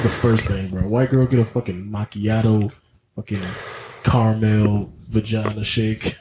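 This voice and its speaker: A young man co-hosting a podcast, cursing and joking through a rambling casual chat full of fillers. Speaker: podcast co-host. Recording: noisy low-quality setup.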